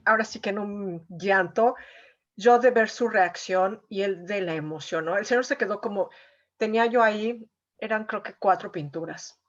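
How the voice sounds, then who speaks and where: A woman's voice: medium pitch, moderate pace, muffled recording. A woman, a painter, telling an emotional story as an interview guest, with frequent filler words. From Mexico. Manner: emotional, lots of "o sea" and "eh" fillers. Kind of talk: conversational storytelling.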